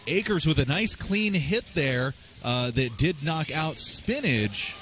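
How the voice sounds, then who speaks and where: A man giving chatty, energetic live roller derby commentary, with many fillers and restarts. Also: on the high side, slow pace, soft background music. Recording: live arena crowd behind. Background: arena crowd.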